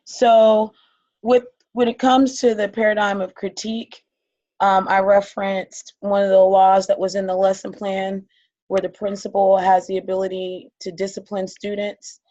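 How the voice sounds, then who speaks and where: A woman's voice: medium pitch, level tone, normal speed, mellow, dull audio. A woman student who is losing her voice a little, speaking hesitantly with many ums in a class discussion of a case study. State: losing her voice, slightly hoarse. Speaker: student in a leadership course.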